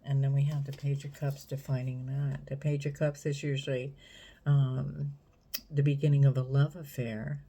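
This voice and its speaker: Mellow-voiced woman giving a tarot reading. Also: a bass voice, flat delivery, breathy edge. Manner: unhurried, musing, talks straight to the viewer. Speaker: tarot reader. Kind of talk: casual tarot reading to camera.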